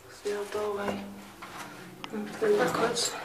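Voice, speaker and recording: A woman's voice: mid-range voice, flat delivery, measured pace, heavy background noise. A woman chatting to herself as she films a climb up a church tower and back down its narrow stairs. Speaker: vlogger. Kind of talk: casual running commentary.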